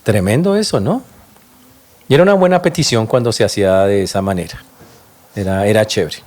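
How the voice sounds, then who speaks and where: A man preaching a sermon as pastor, emphatic and animated, questioning his congregation directly and tossing in sharp interjections. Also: on the low side, brisk.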